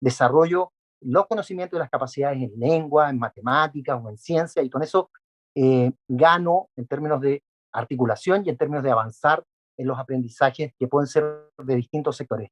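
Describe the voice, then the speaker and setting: In a mid-range voice at a moderate pace, a non-Peruvian education specialist answers interview questions methodically, laying out his points in a list and using frequent fillers.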